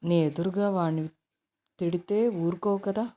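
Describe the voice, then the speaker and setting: An affectionate middle-aged mother who fusses over and teases her grown daughter, voiced by a woman narrator. Her voice sits low and mellow. She speaks warmly and lightly, close to a read-aloud tone. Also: steady tone, moderate pace, natural voice. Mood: teasing. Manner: affectionate, teasing.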